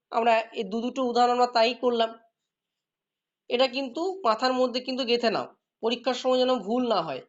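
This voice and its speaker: A woman leads a lesson in a classroom, her voice a touch high. She explains with patience, quizzes the students and compliments their answers, all captured on a dull, lo-fi recording.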